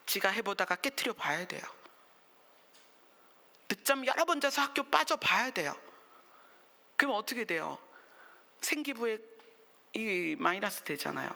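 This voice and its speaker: A woman's voice: fairly high pitch, vocal fry, pushed and bright, in a large hall. A woman pastor giving a sermon in a conversational way, asking the congregation rhetorical questions and often dropping to a whisper. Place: church sanctuary.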